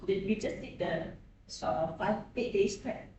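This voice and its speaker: A woman lecturer questioning students in class, repeating their names back slowly. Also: mid-range voice. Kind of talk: classroom introductions. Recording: echoey classroom, far from the mic, with noise.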